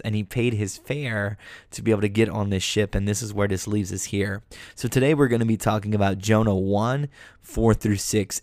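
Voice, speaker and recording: A man's voice: dry recording, studio quality. Earnest man teaching the Bible. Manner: earnest, conversational, acts out quotes with animated high voice.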